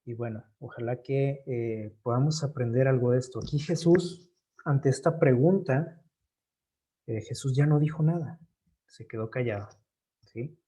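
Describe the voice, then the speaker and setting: A man's voice: mid-range voice, measured pace, dark tone, slightly rough. A man leading an informal Bible study, reading passages aloud and explaining them in a conversational way with speech.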